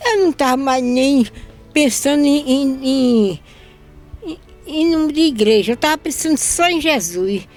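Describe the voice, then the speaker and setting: A woman's voice: high voice, moderate pace, faint music behind. An older woman from northeastern Brazil giving an emotional religious testimony about her son, often repeating herself and quoting others.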